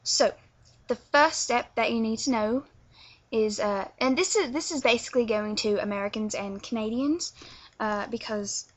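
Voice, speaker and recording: A woman's voice: a little high, normal speed. A woman from London with a London accent, hesitantly explaining accents in a casual tutorial vlog and often stumbling over her words. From England. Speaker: vlogger teaching accents. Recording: dull lo-fi webcam sound.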